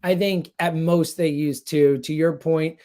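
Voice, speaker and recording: A sports radio host appears as a guest analyst, offering conversational sports analysis with emphatic delivery and repetition to hammer home his points. His voice sits on the high side, warm and fairly even in intonation, and he speaks a little slowly.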